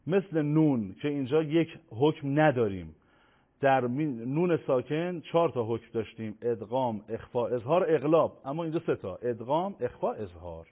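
Male teacher, measured tajweed lesson, slows down to recite examples; thin phone-like sound. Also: mid-range voice, animated. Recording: tinny phone-like audio.

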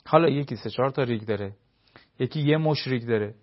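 A man's voice: mid-range voice, muffled recording. A man giving advice on a talk show, explaining his points with everyday examples and short acted-out dialogues.

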